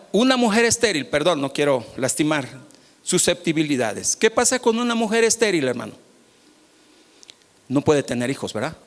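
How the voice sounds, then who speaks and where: A man, preaching a sermon as pastor, swinging from loud calls to soft, low asides. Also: in a large hall.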